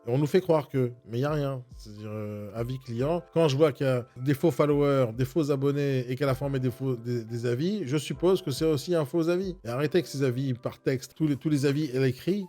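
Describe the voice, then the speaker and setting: A man's voice: mid-range voice, fairly quick, hardly any pauses, warm tone, faint music behind. A man who coaches real estate agents gives a blunt, exasperated, mocking casual critique of agency websites.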